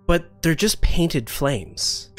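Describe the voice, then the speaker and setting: A man narrating as a tabletop game master in a halting way, repeating words. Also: a little high, expressive, a bit bright. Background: music.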